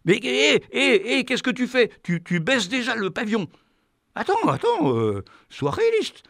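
A man's voice: very high voice, huge pitch swings, unhurried, vocal fry, fairly bright tone, dry recording, clean studio sound, heavily acted. A man playing a whiny, pleading hundred-year-old man in a comic sketch. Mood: fretful. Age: older.

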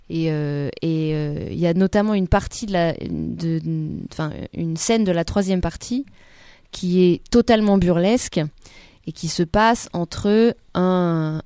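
A woman's voice: lowish voice, a little mellow, clean tone, no room sound, studio quality. A woman, an actress, answering questions in a radio interview, hesitant and full of restarts. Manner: hesitant, many restarts and fillers. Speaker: actress, guest.

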